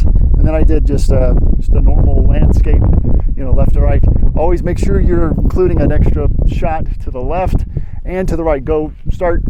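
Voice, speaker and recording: A man's voice: on the high side, heavy background noise. A man, a landscape photographer, talking casually outdoors on a mountain trail, frank and self-critical as he gives tips. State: out of breath.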